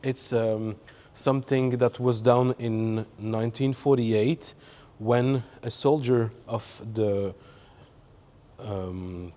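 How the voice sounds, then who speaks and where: Man, english speaker, slow talk, darkish tone, lots of pauses. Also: medium pitch, mellow. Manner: halting, searching for words with many fillers. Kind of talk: explaining a vehicle exhibit.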